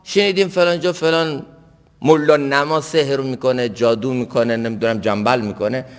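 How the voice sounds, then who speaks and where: A man preaching a sermon, emphatic, rising to raised exhortation and dropping to low murmurs. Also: steady tone. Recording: reverberant hall.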